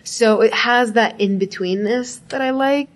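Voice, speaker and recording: A woman's voice: fairly high pitch, a little slow. A woman, talking reflectively in an interview and leaning on "like" and "right?". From Iraq. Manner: reflective, frequent "like" and "right?" asides. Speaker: interviewee, graduate student. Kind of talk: casual interview talk.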